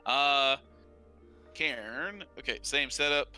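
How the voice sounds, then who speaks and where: A man's voice: medium pitch, takes it slowly, pushed and bright, soft background music. A man running a live tabletop game as dungeon master, plainly narrating what the monsters do.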